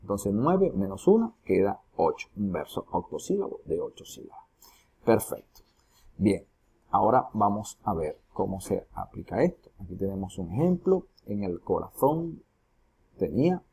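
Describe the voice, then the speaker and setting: A male teacher walks through a recorded lesson step by step, often asking questions and then answering them himself. His voice is low, dark and slightly husky. His pitch swings widely between phrases. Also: very animated, moderate pace. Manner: explains step by step, asks students rhetorical questions. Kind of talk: recorded lesson on poetry metrics.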